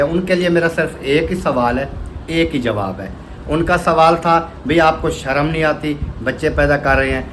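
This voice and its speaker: A man's voice: a little high, fairly bright tone, a little hiss or hum, rough recording. A family vlogger talking casually and directly, repeating his points and checking in with "okay?". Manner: direct and repetitive, keeps asking "theek hai?". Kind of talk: casual vlog talk.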